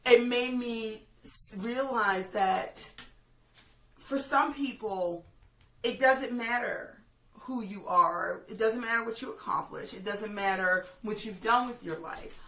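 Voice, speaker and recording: A woman hosting a music review, chatting casually and giving opinions in an emphatic, halting way that repeats phrases. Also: a little high, a bit bright. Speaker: host of a music review video. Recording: roomy, distant mic, faint noise.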